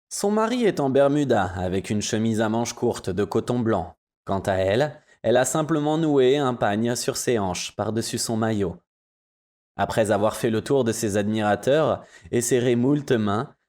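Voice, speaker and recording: A man narrating an audiobook in a measured storytelling manner. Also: mid-range voice, darkish tone.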